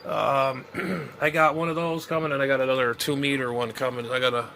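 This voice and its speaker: A middle-aged amateur radio fan speaks briskly in a mid-range voice as he shows his gear on a casual vlog. His commentary rambles, with muttering, repetition and trailing sentences, against steady background noise.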